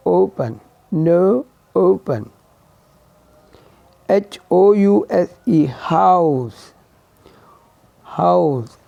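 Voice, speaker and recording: A man with a high-sitting voice and vocal fry teaches English vowel sounds in a slow phonetics lesson, spelling each word letter by letter and repeating it. There's no room sound, and the audio is dull and lo-fi.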